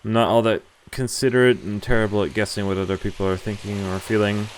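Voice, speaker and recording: Reading a visual novel aloud on stream, a young man talks fast in a fairly low voice with fairly even intonation. He drops casual, sweary, amused comments over the game's music.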